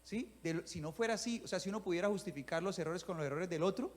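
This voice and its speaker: Animated preaching man in an echoing hall. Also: high voice, fast talker. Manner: animated, acts out little scenes and asks the congregation if they follow. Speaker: pastor. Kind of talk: sermon.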